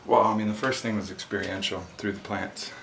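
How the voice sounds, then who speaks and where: Brisk and on the low side, with some vocal fry, this man in his thirties muses casually and earnestly about philosophical ideas as an interviewee and show host. The recording comes from a small, echoey sauna with steady background noise.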